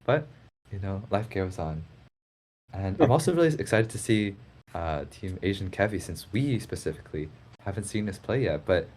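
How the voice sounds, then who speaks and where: A man's voice: sits low, expressive, moderate pace, a little mellow. A young man co-casting an amateur esports tournament, chatting in a laid-back, joking way. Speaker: esports caster. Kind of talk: casual esports commentary chat.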